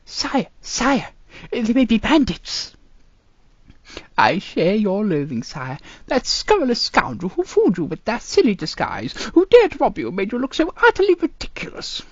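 A woman's voice: on the high side, sing-song, moderate pace, dry recording, dull audio. A woman doing a cartoon impression of a fussy, fawning male snake advisor with a hissing, sibilant, pompous delivery. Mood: flustered, indignant.

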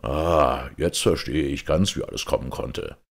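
A man voicing an aged, tender knight in an audiobook, speaking low and softly. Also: unhurried, creaky, husky, heavily acted. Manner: low, soft-spoken, moved.

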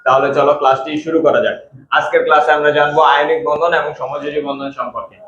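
A young man with a Bangladeshi Bengali accent teaching chemistry in a coaching centre classroom, repeating key points and asking if things are clear. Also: fairly high pitch, steady tone, quick pace, fairly bright tone, slight background noise. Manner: repeats key points and checks understanding with questions. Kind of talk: classroom lecture. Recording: roomy, dull lo-fi classroom sound.

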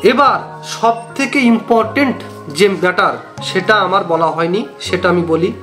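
A man's voice: sits high, lively intonation, normal speed, sharp tone. A young man with a West Bengal Bengali accent, host of a fishing channel, explaining a bait recipe step by step in an earnest, repetitive way. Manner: repetitive, earnest instructional talk. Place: small indoor room. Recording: echoey room with background music.

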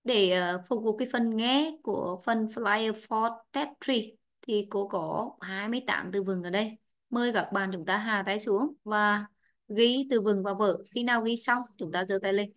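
A native Vietnamese speaker with a Vietnamese accent teaches English online, saying each word twice as a drill and explaining in Vietnamese. Her voice is mid-range and her speed is normal.

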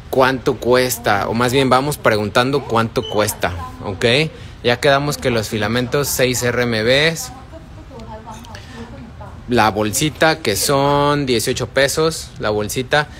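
A man's voice: medium pitch, a bit bright. Chatty Mexican man live-selling on a phone. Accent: Mexican Spanish. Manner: chatty, addresses viewers by name, answers chat. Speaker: live-stream shopping host. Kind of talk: casual live-stream product showing. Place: indoors in a wholesale shop. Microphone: phone held at arm's length.

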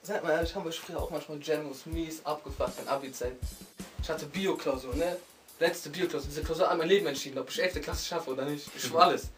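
A man's voice: on the high side, fast, far from the mic, music in the background. A young man casually telling a school anecdote to friends in street slang. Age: young adult. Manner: street-slang storyteller, animated. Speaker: storyteller among friends.

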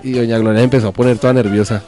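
A mid-pitched man from Colombia tells a joke to the room in a chatty way. Faint music plays behind him. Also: steady tone, racing, warm tone. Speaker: comedian. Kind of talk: live joke-telling.

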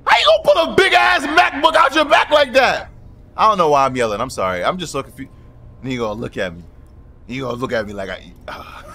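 Hyped guy talking over his gameplay, cursing and joking, bright voice that bounces all over the place. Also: medium pitch, a little hiss or hum. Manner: excitable, joking, swears a lot, slangy; talks to game characters as he plays. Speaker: gaming video creator. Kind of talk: casual gameplay commentary.

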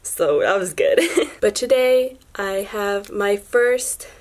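A woman's voice: mid-range voice, takes it slowly. A young woman vlogging casually from her dorm room, chatty and self-deprecating, laughing often, filmed on a phone at arm's length. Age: young adult. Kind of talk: casual vlog chat. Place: small dorm room indoors. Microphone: phone camera at arm's length.

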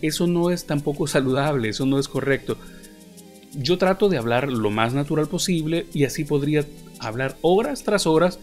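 A man's voice: mid-range voice, darkish tone. A man teaching podcast editing, talking patiently with frequent hesitant fillers like "eh". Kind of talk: explanatory tutorial. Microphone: studio podcast microphone.

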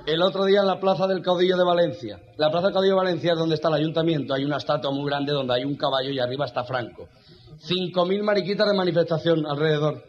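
A man telling joke after joke in a quick, raised voice. His storytelling is rapid and animated, and the recording is dull and lo-fi. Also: a little high. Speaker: joke teller. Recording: dull lo-fi sound.

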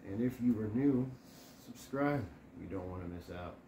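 Low-voiced man in a noisy, echoey room. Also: expressive, moderate pace. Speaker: co-host of a paranormal investigation video. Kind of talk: spoken questions to spirits and casual chat. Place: living room at home, indoors. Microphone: camera a few feet away. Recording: roomy echo with loud noise. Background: loud noise from a spirit box session.

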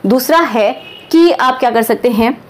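A woman's voice: a little high, measured pace. A woman presenting a beauty product in a conversational explainer, often checking in with her listeners as she goes. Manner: chatty, keeps checking in with listeners. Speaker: product presenter and health adviser.

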